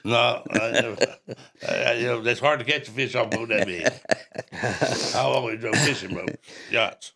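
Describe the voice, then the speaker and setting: A man co-hosting a podcast, chiming in with quick jokes. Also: mid-range voice, creaky, over a noisy crowd. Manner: quick joking interjections.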